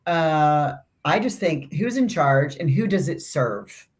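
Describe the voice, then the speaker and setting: This is a woman with a notably low, deep voice co-hosting an astrology conversation. She talks loosely and chattily, circling back on her points and tossing in asides. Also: lively intonation, slow pace. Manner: chatty, rambling, with restarts and asides. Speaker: astrology podcast co-host. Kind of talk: casual conversational astrology discussion.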